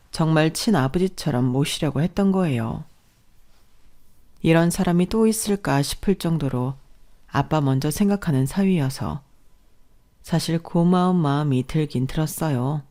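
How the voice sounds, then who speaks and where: Woman narrating a personal story calmly. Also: low-pitched.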